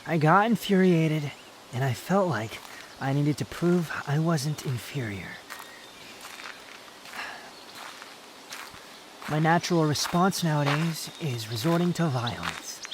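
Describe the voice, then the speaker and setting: A man playing a prideful, sharp-tongued puppet wanderer with a secret fondness, speaking to the listener in a roleplay audio drama, haughty and unhurried. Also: on the high side, background noise. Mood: sullen, apologetic.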